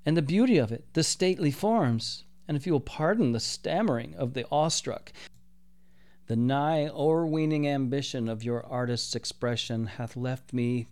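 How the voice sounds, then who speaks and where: A man's voice: mid-range voice, a little mellow, lightly acted. A man voicing an awestruck, reverent archangel who speaks in archaic, overwhelmed wonder.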